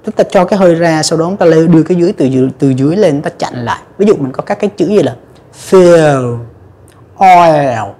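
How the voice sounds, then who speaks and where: A woman's voice: sits low, very fast, hardly any pauses, warm tone, breathy edge. A woman teaching English pronunciation to viewers, patiently explaining step by step with frequent fillers. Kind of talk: pronunciation lesson.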